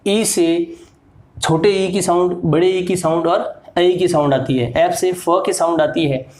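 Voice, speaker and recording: Male teacher, slightly high voice, very slow and deliberate delivery, echoey room. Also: a little mellow. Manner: repeats words and examples patiently. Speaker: English teacher. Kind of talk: slow explanatory lesson.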